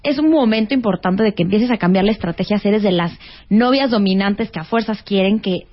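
A woman's voice: mid-range voice, fairly quick, lo-fi sound. A woman explaining face reading as a guest expert in a casual talk-show chat, often ending with a questioning "no?". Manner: explanatory, rhetorical tag questions.

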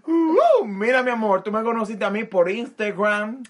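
A man, co-hosting a casual chat, teasing the others and acting out little exchanges with an animated voice. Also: high-pitched, normal speed, a little hiss or hum. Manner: playful, teasing, leads questions with animated voices. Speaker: podcast co-host.

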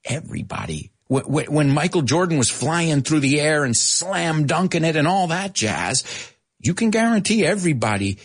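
A man hosting a lively radio show that teaches English, reading out listener messages and explaining phrases. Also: on the high side, moderate pace, breathy edge. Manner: energetic, reads listener chat messages aloud and explains phrases.

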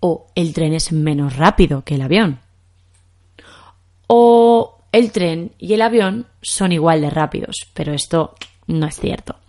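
A young woman from Spain teaches a podcast language lesson in Castilian Spanish. She talks slowly and patiently, working through one example after another, and her voice sits a little on the low side. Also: animated, warm tone.

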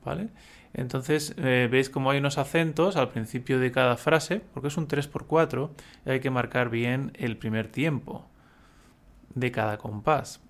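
A man's voice: mid-range voice, measured pace. A man teaching a music lesson, patiently explaining step by step and humming examples.

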